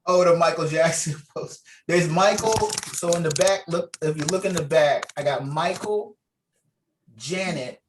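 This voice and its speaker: On a video call mic with a noisy background, a man who is organising a table read talks casually in a slightly high voice at a moderate pace. It is informal meeting chat, full of colloquial explanations.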